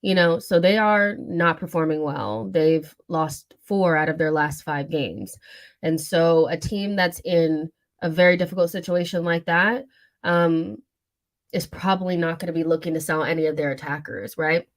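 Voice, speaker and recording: Low-voiced woman, bit hoarse from a cold, chatty football stream host rambling with lots of likes and ums. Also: moderate pace. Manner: chatty, many fillers and asides. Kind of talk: casual livestream chat.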